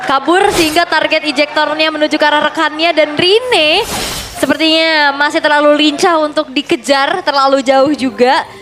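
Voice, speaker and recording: A woman's voice: sits high, steady tone, moderate pace. A woman working as an esports caster, giving live, analytical match commentary alongside partners. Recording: game broadcast with loud music behind. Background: music.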